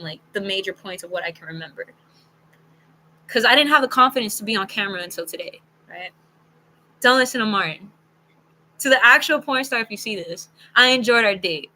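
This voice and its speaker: A young woman telling a personal story to camera in a casual, frank, animated way, full of "like" and the odd swear word. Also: medium pitch, slight background noise, poor audio. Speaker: storytelling video creator. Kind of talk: casual story-time monologue.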